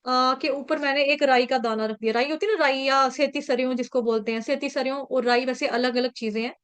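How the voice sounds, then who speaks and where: Woman teaching a scripture class online, pretty high voice, goes slow over each sound, keeps asking "ok?". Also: fairly even intonation, clean tone. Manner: patient, repeats points and checks in with "ठीक है"; drills pronunciation syllable by syllable.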